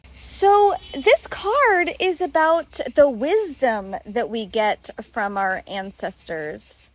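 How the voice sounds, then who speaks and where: High-voiced woman guiding a kids' lesson. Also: slow pace, rough recording. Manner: patient, asks children simple questions. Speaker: host. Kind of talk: kid-friendly tarot lesson.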